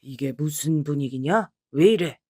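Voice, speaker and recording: A gruff elderly father, voiced by a woman storyteller, lower than her own voice and firing off blunt, scolding questions. He sounds worried more than angry, in a dry, close storybook reading. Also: unhurried, warm tone, no echo. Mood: gruff concern.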